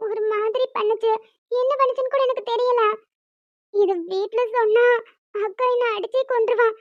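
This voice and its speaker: A woman voicing a naive, timid young female college student in an animated story, talking in a hesitant, stammering, pleading way. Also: very high voice, no echo, lo-fi sound.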